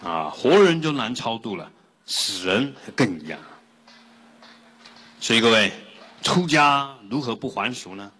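Animated monk preacher, bright and husky, in a reverberant hall. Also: male voice, mid-range voice, measured pace, pauses often. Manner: lively and rhetorical, asks the audience questions. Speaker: Buddhist monk giving a dharma talk. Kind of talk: sermon with storytelling.

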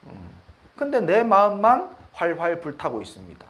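A man's voice: high-pitched, wildly swooping pitch, normal speed, a bit bright, breathy edge. A middle-aged Buddhist monk, giving a conversational dharma talk and often checking that his listeners agree. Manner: conversational, asks the audience for agreement; laughs at his own stories.

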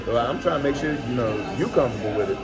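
A man's voice: mid-range voice, expressive, quick pace, loud music behind the voice. A young American man chatting casually and candidly to his vlog camera. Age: young adult. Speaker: amateur comedian vlogger. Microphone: phone at arm's length.

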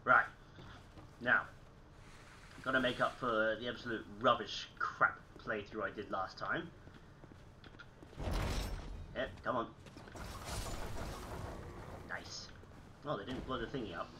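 Speaking slowly and pausing often, this young gaming host talks over his gameplay in a small home room against a noisy background. His mid-range voice is a little phlegmy, like he's sick. He is casual, chatty and self-mocking, and keeps clearing his throat.

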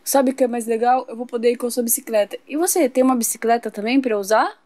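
A woman's voice: on the high side, fast, a little mellow, no echo, close to an everyday voice. A woman voicing a young toy boy who is nervous about trading places with a lookalike friend. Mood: curious. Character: toy boy swapping homes with his lookalike. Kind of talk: toy play-acting.

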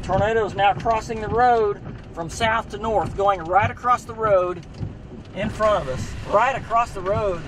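Guy driving, talking fast and excited, phone video from a passenger seat, kinda far off, loads of car noise. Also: high-pitched. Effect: phone video recording. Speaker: storm chaser driving. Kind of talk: excited live commentary. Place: inside a vehicle on country roads. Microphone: phone camera held by a passenger. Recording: distant phone mic, loud road noise.

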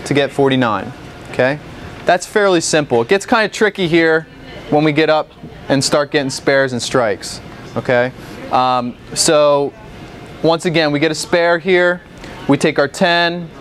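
A young male instructor explains things patiently to a class, step by step. His voice sits a little high, and he often pauses to check that the group is following. The sound is picked up by a distant camera in a big indoor bowling alley, with a faint hum underneath. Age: young adult. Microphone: far camera.

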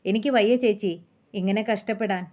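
A woman's voice: mid-range voice, fairly even intonation, normal speed, darkish tone, close to an everyday voice. A woman voicing an exasperated housewife in her thirties who complains about her lonely life. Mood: weary complaining. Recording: muffled lo-fi.

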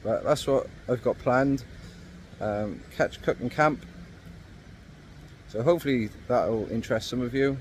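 A man's voice: mid-range voice, a little slow, a little hiss or hum. A man in his thirties talking casually to a camera held at arm's length outdoors, rambling with lots of ums as he narrates his fishing trip. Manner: relaxed, rambling, frequent ums. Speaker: fishing vlogger. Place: outdoors by a river in woodland. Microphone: phone or action camera held at arm's length.

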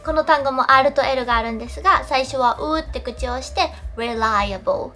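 A young woman teaching English pronunciation in a clear explanatory tone, saying English model phrases slowly and carefully. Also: sits high, bright, forceful tone, soft background music. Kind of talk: pronunciation lesson.

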